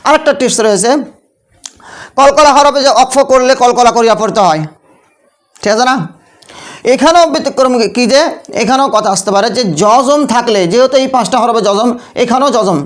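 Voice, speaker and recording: A man's voice: extremely high pitch, a little fast, pauses often, a bit bright. A man teaches tajweed as a classroom lesson. He keeps asking rhetorical questions and answers them himself. He often checks in with short tag questions. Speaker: Quran recitation teacher.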